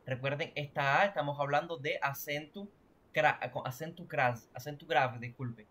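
A man's voice: a little high, steady tone, normal speed, a bit bright. A man teaching a language class online, explaining grammar and often checking that students follow. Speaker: Portuguese teacher.

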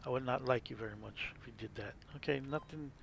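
A man's voice: medium pitch, quick pace, vocal fry, a little hiss or hum. A man hosting a gameplay video, explaining casually and rambling as he plays. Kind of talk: casual game commentary.

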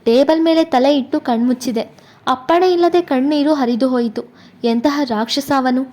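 High, mellow-voiced woman storyteller. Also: moderate pace. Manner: steady, expressive reading that voices the characters' lines. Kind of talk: audiobook narration of a first-person love story.

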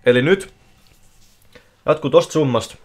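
Excitable man commentating casino games. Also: a little high. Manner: excitable, bursts into yelling at wins. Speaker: casino streamer. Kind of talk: live casino stream commentary. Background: faint music playing.

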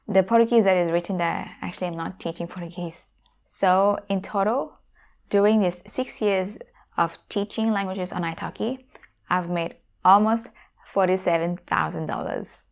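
Her voice is mid-range and creaky: a woman in her thirties from Thailand, a YouTuber and language teacher, speaking Thai-accented English. She chats casually to camera on a lapel mic from a room at home with guitars on the wall, addressing viewers in a friendly, direct manner.

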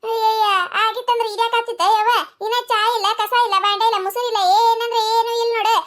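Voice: very high voice, level tone, fast talker, fairly bright tone. A performer voicing a scolding older village mother-in-law in a cartoon, with a North Karnataka Kannada accent. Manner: nagging, scolding. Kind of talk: cartoon comedy voice acting.

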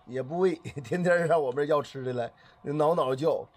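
A man's voice: fairly high pitch, a little fast, a little mellow. A man with a Northeastern Chinese accent chatting casually and playfully outdoors while filming on a phone. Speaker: pet vlogger filming cats. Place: outdoors at a house doorway.

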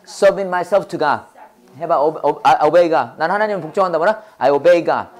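Low-voiced woman drilling English phrases. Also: darkish tone. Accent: Korean. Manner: drills words by repetition, prompting the class to repeat; switches fast between slow English and rapid Korean explanation. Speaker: English teacher at a church school. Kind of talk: call-and-response English drill with preaching.

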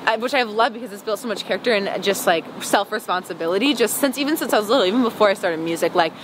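Her mid-range voice is expressive and very fast: she's a young adult singer from Wisconsin in the United States, giggling and chatting through an interview while strolling outdoors on a city sidewalk. Fillers like "like" and "um" pop up constantly. Street noise trails behind the close-range handheld camera recording.

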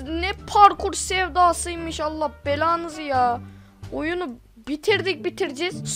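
A woman giving excitable, slangy running commentary while playing a game for her channel. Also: very high voice. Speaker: gaming video host. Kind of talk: excited Roblox gameplay commentary.

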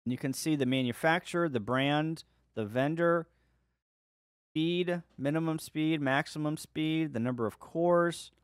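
Man giving a dry-sounding software walkthrough. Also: a little high, measured pace, smooth, dry recording. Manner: relaxed step-by-step walkthrough. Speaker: ham radio video host. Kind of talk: screen-share software tutorial.

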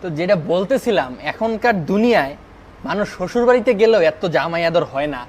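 A young man hosting a food review vlog in a restaurant, talking excitedly and emphatically, often asking "okay?". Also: sits high, brisk, slight background noise. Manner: excited, emphatic, keeps asking "ঠিক আছে?". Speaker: food vlogger. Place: restaurant dining room.

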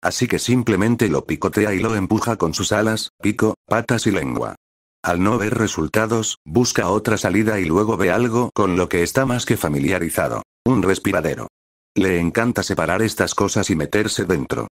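A man narrating a fan fiction story in a steady storytelling manner. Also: low-pitched, normal speed, no room sound, clean studio sound.

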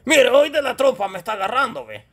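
A man voicing a touchy, loudmouthed male gorilla comedian who picks fights. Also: very high-pitched, very animated, voice pushed up, heavily acted. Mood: complaining. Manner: quick-tempered, threatening, indignant.

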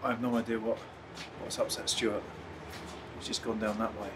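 A man's voice: fairly low pitch, level tone, moderate pace, background noise. A man on a paranormal investigation, talking urgently and calling out to spirits, recorded from a little distance. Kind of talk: unscripted ghost-hunting chatter.

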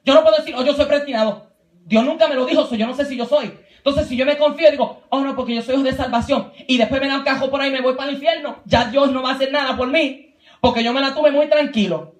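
A man's voice: very high voice, quick pace. A man preaching a sermon at a youth retreat in a church, often breaking in with praise exclamations and dropping in English words. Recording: echoey church room.

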